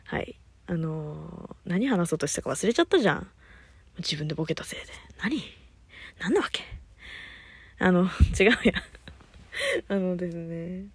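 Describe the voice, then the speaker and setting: Rambling, husky-voiced woman radio host. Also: moderate pace, long pauses, no room sound. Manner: rambling, loses her thread, laughs often; high-energy, lively talker. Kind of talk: casual solo chat.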